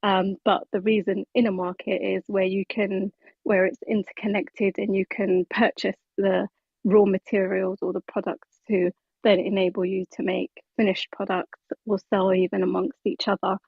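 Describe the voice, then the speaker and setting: A woman from Somaliland speaks steadily in a group discussion, pausing often on "um". Her voice stays flat in pitch and a little husky. It comes through a tinny, phone-like call line. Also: no room sound. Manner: steady, with frequent "um". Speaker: guest speaker. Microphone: video call.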